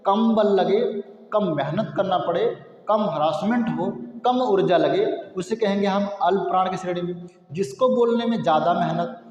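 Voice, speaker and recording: A man's voice: high-pitched, normal speed, a little mellow, highs cut off. A male teacher giving a patient grammar lesson, asking and answering his own questions and sounding out syllables to show the difference. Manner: repetitive, explanatory, asks and answers own questions; demonstrates sounds aloud. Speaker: Hindi teacher. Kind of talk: classroom-style grammar lesson. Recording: echoey room with long reverb.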